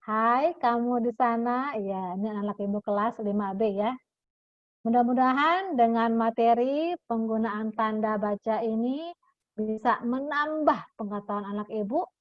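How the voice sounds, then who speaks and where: A woman's voice: a little high, a little slow, no echo, muffled recording. Patient woman teacher explaining to pupils. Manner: patient, explanatory, calls pupils "anak ibu", ends phrases with "ya". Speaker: primary school teacher. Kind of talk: recorded online lesson.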